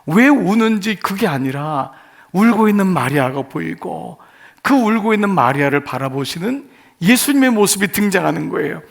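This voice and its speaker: A man's voice: high voice, creaky. A male pastor giving an earnest sermon in short phrases, putting rhetorical questions to his congregation. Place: church sanctuary.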